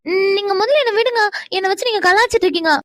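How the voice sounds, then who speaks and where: A woman's voice: very high-pitched, quick pace, fairly bright tone, no room sound, studio quality. A woman voicing a shy, easily embarrassed young wife in a cartoon, fretful and exclamatory, stammering when bashful. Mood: shy, protesting. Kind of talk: animated cartoon voice acting.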